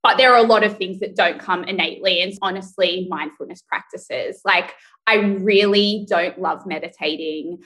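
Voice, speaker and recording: A woman's voice: medium pitch, moderate pace, fairly bright tone, low-quality recording. A woman guest on a podcast, talking candidly and reflectively, thinking aloud as she answers. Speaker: guest, brand executive. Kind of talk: podcast interview.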